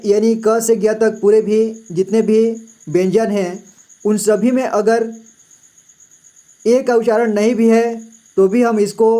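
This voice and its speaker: Slow, patient male teacher. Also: high-pitched, mellow. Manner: patient, repeats "theek hai" often. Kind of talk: slow classroom explanation.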